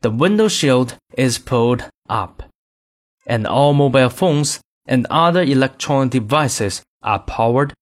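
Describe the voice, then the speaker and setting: A man reading scripted in-flight cabin announcements in a formal, measured announcer manner. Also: medium pitch, animated.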